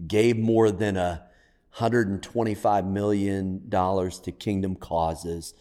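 A man speaking as a podcast guest, telling stories conversationally and deliberately, pausing for emphasis. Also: low-pitched, a little mellow. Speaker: podcast guest, church pastor. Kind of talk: conversational storytelling and reflection. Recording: long reverberant room sound.

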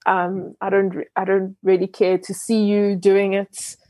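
A young Ghanaian woman, founder of a business, talks through an interview reflectively, often using fillers and restarting. Her medium-pitched voice is flat and dark, her pace measured, and the recording is dry.

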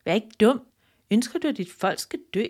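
A woman's voice: medium pitch, animated, a little mellow, natural voice. A woman voicing a proud male human king who speaks emphatically. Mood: urgent. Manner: emphatic, exclaiming questions. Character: proud human king, hasty then humbled.

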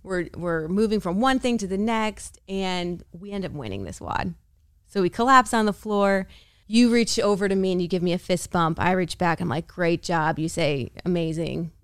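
An American woman with a slightly low voice, chatting on a podcast and telling a story with lots of energy. She acts out quoted lines and laughs easily. The sound is close and dry, with no room echo. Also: normal speed, clear, resonant tone. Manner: animated, laughs often, acts out quoted dialogue. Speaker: podcast co-host. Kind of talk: casual storytelling chat.

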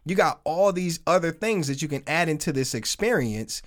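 A man's voice: fairly high pitch, expressive, moderate pace. A man co-hosting a podcast in a loose, laid-back, chatty way, with casual swearing, talking into a podcast mic during a live stream. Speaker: podcast co-host. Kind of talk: casual chat.

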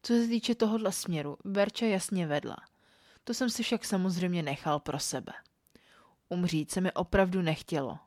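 Woman, low voice, erotic story reading, calm even narration, dry close sound. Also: no echo. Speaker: podcast storyteller.

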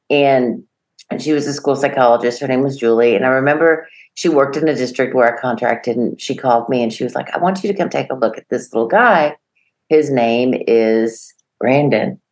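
A middle-aged woman co-hosting a podcast, telling a story in a lively way and acting out the voices of the people in it. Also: sits low. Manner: animated storyteller, acts out quoted voices, laughs often. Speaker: podcast co-host. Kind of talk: casual storytelling chat.

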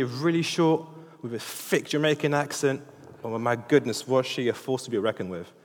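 In a church hall with a big-room sound, a French man in his thirties, a native speaker from France, delivers a sermon as a preacher. His medium-pitched voice has an informal, chatty feel, full of restarts and fillers.

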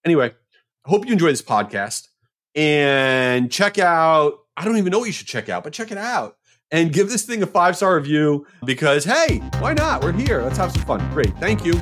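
A male podcast host telling a story in a casual monologue, animated, with mock exasperation. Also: fairly high pitch, moderate pace, soft background music.

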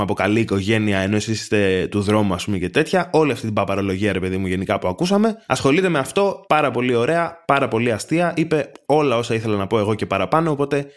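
A young man hosting his own podcast alone, talking casually with sarcastic, profane rants and chatty asides. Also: fairly low pitch. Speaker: podcast host. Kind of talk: casual solo podcast monologue.

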